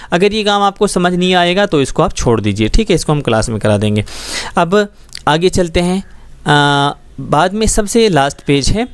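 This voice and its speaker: A man's voice: on the high side, no room sound. A man teaching a schoolbook Urdu lesson, explaining words patiently and often checking that students follow. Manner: patient, explains slowly with frequent check-ins.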